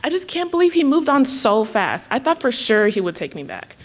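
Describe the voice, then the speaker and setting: Casting: young woman as a lovesick, rambling student, lively swinging pitch. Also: fairly quick. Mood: scheming. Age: young adult. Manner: rambling, giggly, obsessive. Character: heartbroken young college woman fixated on her ex. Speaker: student acting in a skit.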